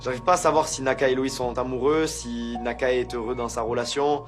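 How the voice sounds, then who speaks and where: A young man comments casually in a confessional style, with a medium-pitched voice. Faint music runs behind his words. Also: fairly even intonation, fairly quick. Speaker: reality show contestant. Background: faint music bed.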